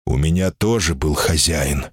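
A man's voice: very deep voice, a little slow, breathy edge, no echo, studio quality, full character voice. A man voicing an impatient proud jinni. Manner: curt and impatient. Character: proud, impatient male jinni in human form. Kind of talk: audiobook character voicing.

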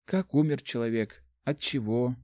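A man voicing a gentle young woman, an apprentice assassin, speaking softly and calmly in a storybook reading. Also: medium pitch, moderate pace, no echo, studio quality, natural voice.

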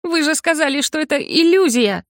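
A woman's voice: high-pitched, moderate pace, dry recording, studio quality, pitched above the performer's own voice. A woman playing a spirited, indignant young heroine. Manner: lively, indignant, bright. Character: spirited young woman student, quick to protest.

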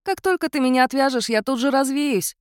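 A woman voicing a blunt, calm female cat-mouse guardian spirit in an audiobook, with an offhand, bossy manner. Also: high-pitched, a little fast, no echo, clean studio sound, voice pushed up, lightly acted. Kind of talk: audiobook character voice.

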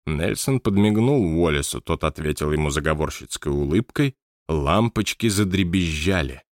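A man narrating an audiobook in a steady, even storytelling manner. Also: a bass voice, normal speed, no room sound, studio quality. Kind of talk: scripted narration.

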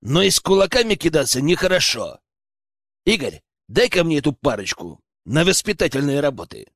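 A man doing a stern, gruff brigade fighter. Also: fairly high pitch, big pitch swings, a bit bright, no echo, clean studio sound, full character voice. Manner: stern, measured.

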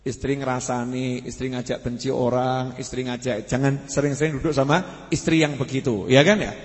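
This sermon comes from a man with a mid-range voice who holds a steady tone and normal speed, and the recording has a big-room sound. Speaking casually at a mosque study gathering, he addresses questions to those present.

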